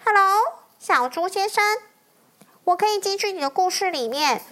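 A woman's voice: high voice, animated, moderate pace, pushed and bright. A woman voicing an eager but timid young male dragon who begs politely to be a hero in a storybook reading. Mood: pleading. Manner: pleading, polite, whiny when scared.

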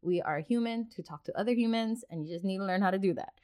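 A woman's voice: mid-range voice, quick pace, mellow. Upbeat encouraging woman podcast host. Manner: upbeat, encouraging, acts out quoted voices. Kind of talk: casual advice talk.

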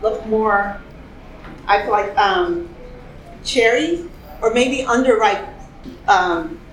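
In an echoey room with faint ambience, a woman leads a wine tasting, casual and enthusiastic, putting questions to the group as she goes. She speaks slowly in a mid-range voice over slight background noise.

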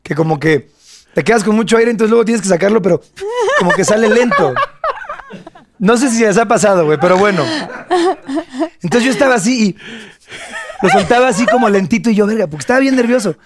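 A man's voice: sits high, expressive, brisk, pauses often, background noise. A man in his thirties with a Mexican Spanish accent, co-hosting a casual chat and telling a self-mocking story full of slang. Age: 30s.

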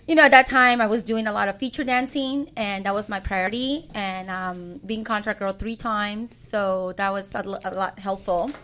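A woman's voice: medium pitch, sharp tone, clean tone. A woman from Peru chatting casually and informally as a bubbly talk show guest. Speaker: studio guest, adult film performer. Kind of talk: casual chat.

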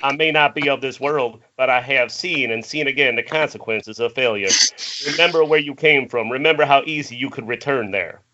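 Bright-voiced, ominous Randall Flagg acted by a man. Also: medium pitch, a little fast, lightly acted. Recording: muffled internet call, faint noise.

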